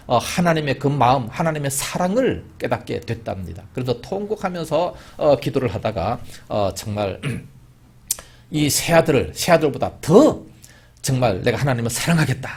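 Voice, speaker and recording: A male pastor preaches in a church sanctuary, leading his congregation through a story. His voice sits a bit high for a man and sounds gravelly and husky. His delivery swings widely in pitch and volume. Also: a little mellow. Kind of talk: sermon.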